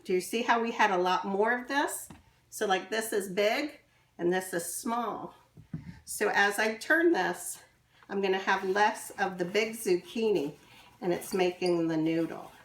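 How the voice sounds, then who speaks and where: A woman teacher giving a slow, patient cooking demonstration for young children in a kitchen. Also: medium pitch, echoey room. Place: kitchen with running water.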